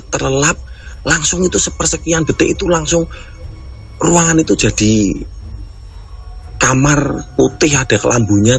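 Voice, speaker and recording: Male caller, very low gravelly voice, casual rambling storyteller. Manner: rambling, repeatedly addressing the host as "Mas". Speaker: radio caller telling a ghost story. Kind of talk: casual storytelling on a radio call.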